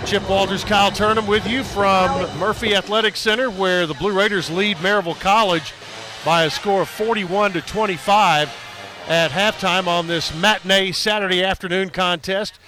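A man announcing live basketball on the radio in a loud, dense radio voice, packing the calls in quickly and sometimes correcting himself. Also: high voice, steady tone, soft background music, rough recording. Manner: rapid, packed play-by-play with occasional self-corrections.

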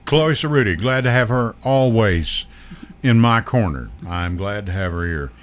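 A man's voice: lowish voice, normal speed. A man hosting a radio talk show on air, taking callers and chatting with his guest in a joking, easygoing way. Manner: lively, chatty, jokes with callers.

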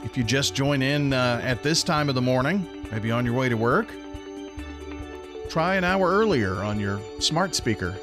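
A man's voice: mid-range voice, animated, normal speed, music in the background. A middle-aged man, hosting a morning radio show in easygoing, rambling banter from a studio microphone. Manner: easygoing, rambling with many ums.

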